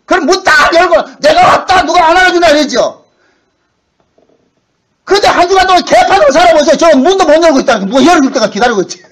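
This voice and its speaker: A man preaching a sermon as pastor, talking in a colloquial way and acting out quoted voices, from loud bursts to hushed asides. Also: very high voice, expressive, fast, a little hiss or hum, poor audio. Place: church sanctuary.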